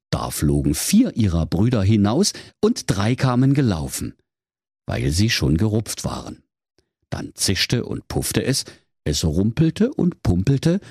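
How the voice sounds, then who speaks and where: A man narrates a comic fairy tale in a mock-solemn storybook tone. His voice is low and husky, with a very wide swing of pitch. The sound is close and dry. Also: darkish tone, no echo.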